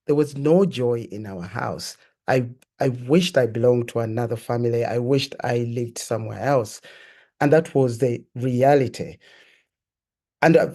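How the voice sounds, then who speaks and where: Man from uganda, guest testimony, reflective, earnest, mellow dark tone. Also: medium pitch. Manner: reflective, earnest, measured storytelling. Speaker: guest sharing his life story. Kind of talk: personal testimony in an interview.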